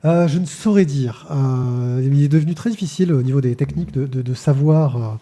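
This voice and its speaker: A man's voice: medium pitch, a little fast, dark tone. A man hosting a comics podcast, talking casually with lots of fillers and repeated words. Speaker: podcast host reviewing comics. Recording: live-streamed podcast.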